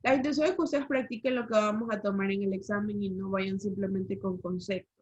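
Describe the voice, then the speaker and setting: A woman teaching a language online speaks briskly in a husky, medium-pitched voice with fairly even intonation. She lays out rules and asks the class questions, heard through slightly dull lo-fi call audio.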